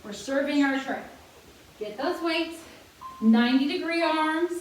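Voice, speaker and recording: A woman with a high, bright voice leads a seniors' exercise class at an unhurried pace. She chats and jokes between cues, and her voice sounds far from the mic in a very echoey room with a faint hiss. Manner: chatty, laughing, counting out moves. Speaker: fitness instructor. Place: fitness room.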